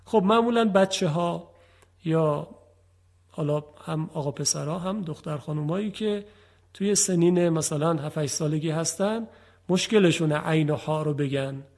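Husky-voiced man teaching pronunciation. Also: a little high, darkish tone. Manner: formal, patient explaining with slow drawn-out demonstrations. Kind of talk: televised recitation lesson.

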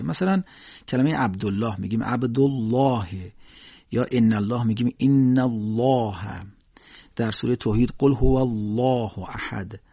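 In this spoken lesson, a man with a medium-pitched, mellow voice marked by vocal fry and a breathy edge teaches Quran recitation. He explains letter sounds with patience and many hesitations, reciting examples slowly. The recording is dull, dry and lo-fi, without echo.

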